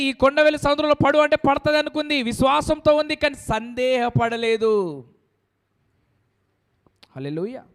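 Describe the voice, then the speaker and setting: Male pastor, emphatic sermon, high voice, smooth clear tone. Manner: emphatic, calls for amen and hallelujah.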